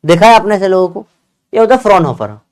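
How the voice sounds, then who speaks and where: High-voiced chatty male teacher. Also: sing-song, quick pace, dry recording. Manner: chatty, joking, keeps checking with students. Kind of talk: casual classroom lesson.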